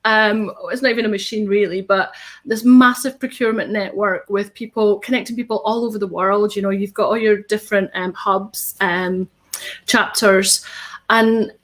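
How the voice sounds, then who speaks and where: Bubbly and upbeat, with plenty of ums, a woman in her thirties hosts a live webcam show from a home studio decorated with a tinsel backdrop. She speaks at medium pitch, at a moderate pace, in a steady and slightly bright tone.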